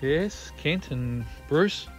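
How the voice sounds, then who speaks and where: An Australian man giving a relaxed, chatty running commentary from a catamaran, filmed on a phone. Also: fairly high pitch, very slow, soft background music. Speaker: sailing vlogger. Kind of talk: casual narration on a boat. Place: on a catamaran outdoors.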